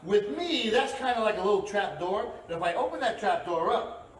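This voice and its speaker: A stage magician with a high-pitched, lively voice speaks fairly quickly as he performs a crude comedy magic act, brashly teasing the audience at a live venue. The sound is echoey and picked up from far away, with a loud, laughing crowd and noise behind him.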